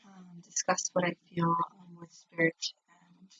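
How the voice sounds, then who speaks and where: A woman with a husky, slightly breathy voice speaks softly as a tarot reader, leaving drawn-out pauses in a casual spiritual reading. The sound is a little dull and echoes off the walls of a home bathroom. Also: on the low side, monotone. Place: indoors, in an echoing home bathroom.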